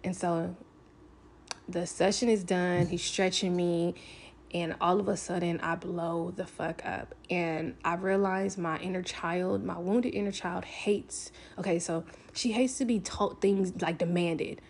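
A woman's voice: lowish voice, steady tone, a little slow, a little hiss or hum. A woman talking candidly to camera, telling a personal story in a casual, frank way, swearing freely and filling with "like".

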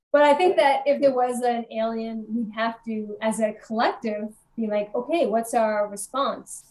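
A woman co-hosting a casual podcast chat about a film, talking in an animated, chatty way. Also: fairly high pitch, a little slow, long pauses, rough recording. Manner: chatty, animated, laughs often. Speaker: podcast co-host. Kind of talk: casual movie discussion.

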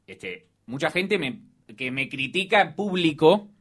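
A man playing a loud posh rich boy. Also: on the high side, measured pace. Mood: smug. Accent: Argentine Spanish. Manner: rambling, excitable, raises his voice. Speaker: comedy radio guest.

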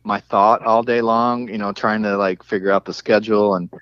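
A man in his forties from western New York talks through his podcast in a relaxed, halting way, leaning on fillers. His voice sits low, and the recording is dry and a little muffled. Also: clear, resonant tone, no room sound. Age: 40s. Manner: easygoing, halting, with frequent fillers. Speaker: podcast co-host and guest. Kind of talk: casual podcast chat.

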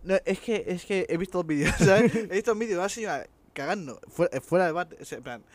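Male co-host, excitable, rapid talker, high voice. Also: dry recording. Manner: excitable, laughs often, says "sabes". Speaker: podcast co-host. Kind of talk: casual chat.

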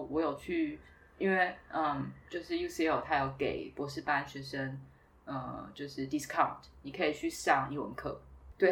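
A woman from Taiwan, a former doctoral student, chatting casually and telling stories in a lively way. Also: deep voice, distant mic, a little hiss or hum. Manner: chatty, storytelling, laughs easily. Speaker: guest, former PhD student. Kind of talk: casual conversation.

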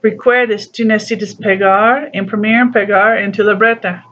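On a dull recording, a patient teacher with a medium-pitched, fairly bright voice and fairly even intonation works slowly through a textbook in class. His explanations mix broken Spanish with English.

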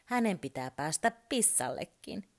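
Woman reading a bedtime story, low voice, swoops around a lot, whispers sometimes. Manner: expressive, often dropping to a whisper.

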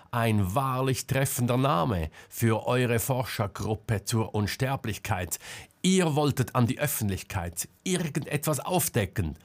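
A man's voice: lowish voice, husky, heavily acted. A man voicing a determined female reporter who confronts people bluntly and insistently, in an audiobook.

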